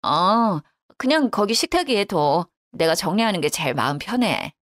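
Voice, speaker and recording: A woman's voice: medium pitch, very animated, normal speed, no room sound, clean studio sound, close to an everyday voice. A woman voicing a grumbling older widowed mother-in-law who talks bluntly and reproachfully. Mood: sulky.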